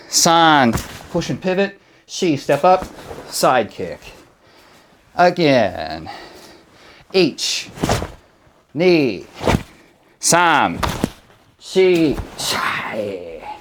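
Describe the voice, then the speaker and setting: Man, karate instructor, sharp clipped commands, counted drill, slow pacing. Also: fairly high pitch, lively intonation, noisy background.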